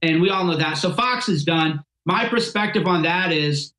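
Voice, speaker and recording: Casting: assertive male pundit, bright and sharp tone, echoey room. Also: on the high side, normal speed. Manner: assertive, opinionated. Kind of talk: political talk show discussion.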